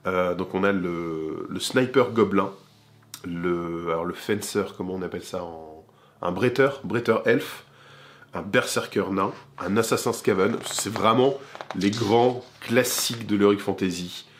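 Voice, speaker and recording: Guy with a lowish voice showing off a board game, laid back and chatty, talking right to you. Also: a little slow, a little hiss or hum. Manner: chatty, informal, talks straight to the viewer. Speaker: board game channel host. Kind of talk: casual game presentation.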